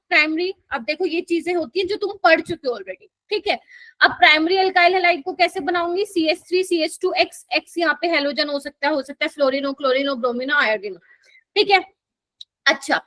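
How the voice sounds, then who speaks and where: Brief: female classroom teacher, high-pitched, coaxing, keeps asking the class questions, dry recording. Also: pushed and bright, no room sound. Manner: coaxing, keeps quizzing students and calling them "my child". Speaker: chemistry teacher. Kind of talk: live classroom lecture.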